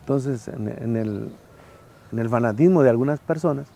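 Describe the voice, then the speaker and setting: Gravelly Mexican man in his sixties. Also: medium pitch, normal speed, warm tone. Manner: colloquial, anecdotal, frequent fillers and tag questions. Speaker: interviewee, architect and former faculty director. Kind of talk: casual interview storytelling.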